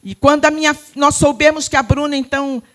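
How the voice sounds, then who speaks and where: A middle-aged woman pastor with a Brazilian Portuguese accent preaching a fervent Pentecostal sermon in a church. She swings from loud cries to hushed tones and breaks into speaking in tongues. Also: high-pitched, fairly even intonation, brisk. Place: church sanctuary.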